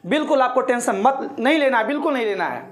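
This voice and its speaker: A man's voice: very high voice, expressive. A man teaching a math lesson online, reassuring his pupils and keeping them engaged with repeated questions. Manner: repeats steps slowly for pupils to say along.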